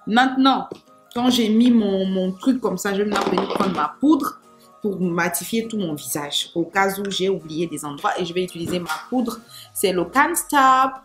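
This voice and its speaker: A woman's voice: mid-range voice, normal speed, music in the background. Playful chatty woman doing makeup. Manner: playful, self-mocking, chatty asides to viewers. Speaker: makeup vlogger. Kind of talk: casual makeup tutorial.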